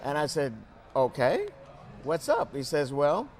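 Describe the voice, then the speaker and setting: An older man in his 60s or beyond, a flight instructor, is an interview guest at an aviation museum during an air show. Born in Cuba with Spanish as his first language and later living in New Jersey, he has a mixed Cuban and New Jersey accent and chats hesitantly but with good humor. His voice is fairly high, sing-song, and darkish, at a measured pace.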